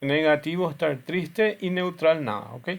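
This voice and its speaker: Gravelly-voiced male teacher lecturing. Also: fairly high pitch, animated, unhurried. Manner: explains step by step, often checks in with "ok". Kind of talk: classroom lecture with video demos.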